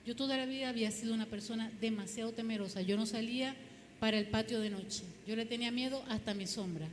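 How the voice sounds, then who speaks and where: A woman's voice: a little high, quick pace, big-room sound, a little hiss or hum. A woman with a Zulian Venezuelan accent gives a personal testimony in church, telling her story with animation and emphasis. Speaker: church speaker giving testimony. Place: church hall.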